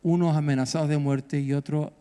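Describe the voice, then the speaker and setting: A middle-aged male pastor with a Peninsular Spanish accent exhorts his congregation, his fairly high voice surging into excited bursts. His sermon rings through a church hall with a long echo. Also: fairly quick, clean tone.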